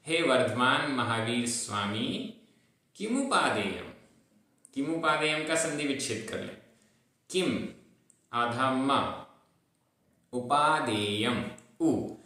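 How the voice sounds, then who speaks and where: A man's voice: mid-range voice, pushed and bright. A man teaching a lesson on reciting verses, patiently repeating syllables to drill their pronunciation. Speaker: Prakrit teacher. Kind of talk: recorded lesson on chanting and meaning of Sanskrit verses. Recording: very echoey room.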